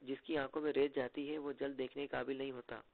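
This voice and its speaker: A man's voice: mid-range voice, little pitch movement, fast, gravelly, lightly acted. A man reading as a teasing joker agent. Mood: joking. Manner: playful, bantering. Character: joking, teasing young male secret agent. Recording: tinny phone-like lo-fi audio.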